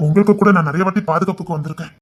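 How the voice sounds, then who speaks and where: A man playing a fast-talking desperate elder brother. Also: high voice, fairly even intonation, lo-fi sound. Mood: pleading. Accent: Tirunelveli Tamil. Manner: begging, repetitive, emotional.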